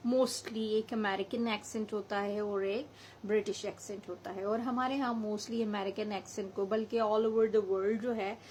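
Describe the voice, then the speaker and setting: A woman's voice: mid-range voice, fairly even intonation, unhurried, darkish tone, a little hiss or hum, poor audio. A woman from Hazara in Pakistan with a local accent, giving a chatty spoken English lesson and mixing English phrases into her explanations. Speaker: English teacher.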